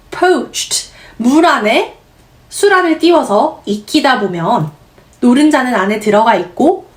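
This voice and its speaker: A woman teaching English pronunciation, slowly drawing out model words and coaxing the learner with friendly questions. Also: sits high. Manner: slow, drawn-out model words, repeated for practice. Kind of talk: pronunciation lesson.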